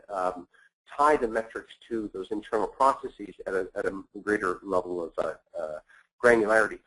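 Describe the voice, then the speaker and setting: A man hosting and presenting a business webinar, speaking in a measured way with frequent filler words. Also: on the low side, breathy edge, low-quality recording. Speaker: webinar host.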